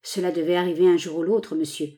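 A woman's voice: on the low side, steady tone, fast talker, dark tone, lightly acted. A woman voicing a grave, devoted old governess. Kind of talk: audiobook dialogue reading.

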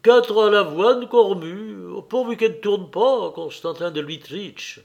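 A fretful peasant steward with a raised, nasal-edged pitch, drawling out excuses and shrugging off blame, as a male narrator puts him on. He sounds flustered and evasive, an audiobook character voiced with clear effort. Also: unhurried, a little mellow, lo-fi sound. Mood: whining. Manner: drawling, excuse-making, starts with "ben" and "oh".

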